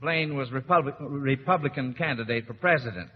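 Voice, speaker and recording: A man with a medium-pitched, brisk voice hosts an old-time radio quiz show, folksy, hesitant and avuncular. The recording is muffled and reverberant, like old radio, with faint noise.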